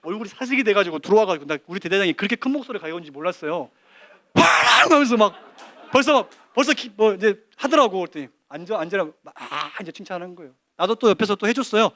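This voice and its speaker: A man giving a lively testimony at a church service, telling an animated story full of quoted dialogue. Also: high-pitched, racing, hardly any pauses, dry recording. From Korea.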